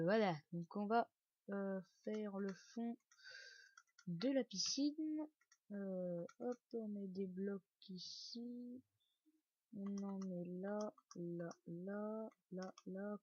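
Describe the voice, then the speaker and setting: A man giving a chatty, joking gameplay building tutorial with casual swearing and lots of fillers. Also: sits high. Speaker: video game building tutor. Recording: dull lo-fi dry recording.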